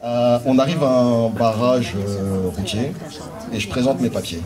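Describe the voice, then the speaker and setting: A man's voice: mid-range voice, fairly even intonation, a little slow. A man from France doing stand-up, telling a story in a casual, anecdotal way with hesitant fillers. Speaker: stand-up comedian. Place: live stage before an audience. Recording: distant mic over a loud audience.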